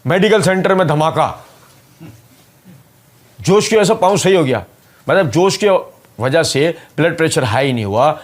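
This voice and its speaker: Sarcastic man giving a religious rebuttal. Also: fairly high pitch. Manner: sarcastic, mocking, emphatic. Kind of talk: polemical religious talk.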